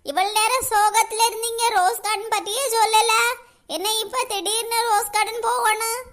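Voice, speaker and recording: A woman's voice: fairly even intonation, normal speed, a bit bright. A woman doing fretful gossiping cartoon aunties. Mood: chatty. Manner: chatty, worried, lower and plainer than the kids. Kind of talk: cartoon voice acting.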